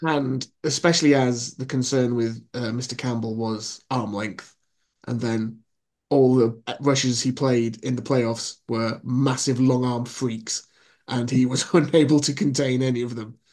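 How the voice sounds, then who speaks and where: A man's voice: mid-range voice, fairly even intonation, measured pace, a little mellow. A man hosting a casual sports podcast, laid-back and dry, often chuckling. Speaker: podcast host.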